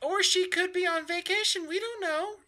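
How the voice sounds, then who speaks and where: A man's voice: fairly even intonation, moderate pace, pushed and bright, full character voice. A man voicing a rule-bound town guard who lectures in a raised, put-on voice. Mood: scolding. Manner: bureaucratic, lecturing, high-pitched put-on voice.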